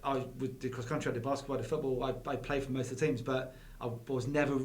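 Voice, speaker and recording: A man's voice: medium pitch, flat delivery, quick pace. A man in his forties, a business founder, speaking as a podcast guest in a reflective, friendly way. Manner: warm and reflective, restarts words often. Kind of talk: casual interview chat.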